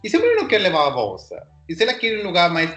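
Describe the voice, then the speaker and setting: A man's voice: high-pitched, wildly swooping pitch, very fast, a bit bright, highs cut off, faint music behind. A man in casual chat, earnestly building a complaint. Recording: echoey room.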